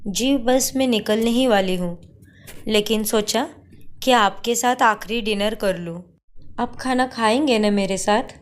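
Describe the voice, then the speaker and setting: A woman voicing a caring young wife in a cartoon story, calm and reassuring. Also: fairly high pitch, measured pace, lightly acted.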